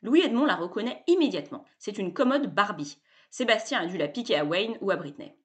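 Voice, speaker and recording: Expressive, lively woman storyteller. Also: medium pitch, brisk. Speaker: narrator. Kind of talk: storybook narration.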